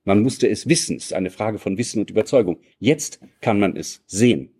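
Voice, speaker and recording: A man giving an academic lecture in measured, formal and elaborate sentences. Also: on the low side, expressive, darkish tone, husky.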